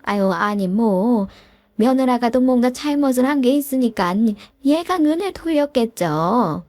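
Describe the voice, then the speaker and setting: A woman's voice: a little high, expressive, unhurried, a little mellow, no room sound. A woman voicing an older mother-in-law who whines and defends her son in a told story. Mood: whiny defensive. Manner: whiny, defensive pleading. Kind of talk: storytelling with voiced characters.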